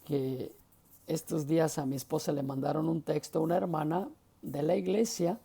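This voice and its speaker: A man's voice: fairly high pitch, fairly even intonation, moderate pace, creaky, warm tone, slightly rough. A man teaching a class on preaching, explaining patiently and often checking that his students follow. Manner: explanatory, often checks understanding with short questions. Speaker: homiletics teacher.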